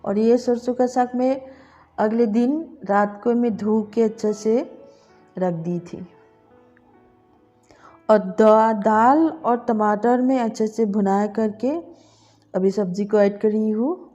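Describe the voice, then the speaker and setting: Slow-spoken woman cooking in her kitchen. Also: on the high side, dark tone, highs cut off, soft background music. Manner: slow, deliberate talk with pauses. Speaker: cooking vlogger. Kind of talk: casual cooking vlog chat. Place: home kitchen.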